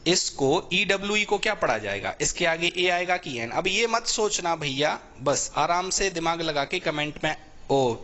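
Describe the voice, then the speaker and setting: A male teacher runs a live online class. His voice is bright and slightly high, he stretches out words as he spells them, and he keeps checking in with his students. Faint noise and clicks sit behind him. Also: animated, a little slow. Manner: repetitive, checks in often with "theek hai bhai". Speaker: English teacher for exam preparation.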